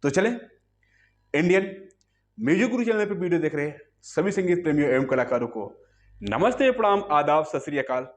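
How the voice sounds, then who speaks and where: A man's voice: on the high side, big pitch swings, fairly quick. A man teaching a music lesson, explaining patiently step by step and asking listeners to hum along.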